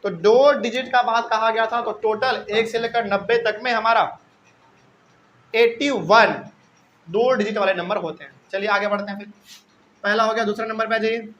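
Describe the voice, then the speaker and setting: A man's voice: high voice, steady tone, normal speed, a bit bright, highs cut off, slight background noise. A man teaching a math lesson, explaining step by step and asking questions before answering them himself.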